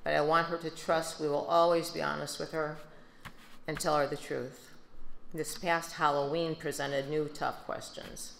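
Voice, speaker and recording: An older woman with a Midwestern American accent, giving a steady, subdued prepared speech at a podium into a handheld mic. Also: deep voice, unhurried, gravelly, slight background noise. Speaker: grieving mother giving a speech. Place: large banquet hall. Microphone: handheld microphone. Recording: echoey banquet hall.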